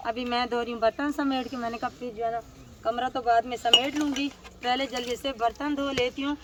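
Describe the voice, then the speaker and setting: A village family vlogger with a sore throat speaks briskly in a slightly high voice with fairly even intonation, amid heavy noise from fog and wind in an outdoor village courtyard. Chatty and casual, she narrates her morning chores, explaining each step and often saying "jo hai na."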